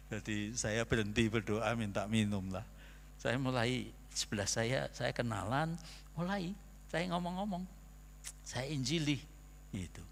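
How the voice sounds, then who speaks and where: A man's voice: medium pitch, creaky, a bit bright, slight background noise. An older man with a Javanese accent, a pastor telling a story in a chatty, rambling sermon that keeps trailing off on fillers. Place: church hall. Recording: long church hall reverb.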